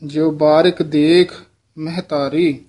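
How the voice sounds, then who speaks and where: A man leads a recitation lesson, his slightly raised voice moving at an unhurried pace. He models each phrase carefully, then adds brisk asides about where to pause. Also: a little high, flat delivery, mellow. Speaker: teacher of scripture recitation.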